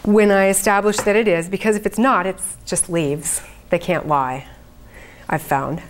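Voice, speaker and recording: A woman's voice: lowish voice, fairly even intonation, a little slow, slight background noise. Earnest woman giving an informal talk. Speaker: trance channeler leading a group event. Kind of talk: informal spoken talk to an audience.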